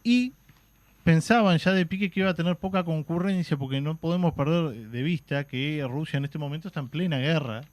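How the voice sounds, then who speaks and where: Speaking a little fast in a high-leaning, slightly mellow voice, a Uruguayan-accented man explains history as a radio show guest. He's patient but keeps restarting and dropping fillers like "este" and "eh". The studio mic recording is dry.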